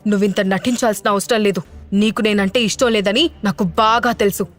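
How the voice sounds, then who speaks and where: A woman's voice: medium pitch, steady tone, brisk, soft background music, lightly acted. A woman voicing a cold, defiant young mother who speaks firmly in an audio drama. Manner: cold, firm.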